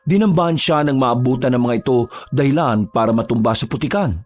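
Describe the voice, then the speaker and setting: A man giving steady, dramatic scripted narration of a horror story. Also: medium pitch, a little fast, faint music behind.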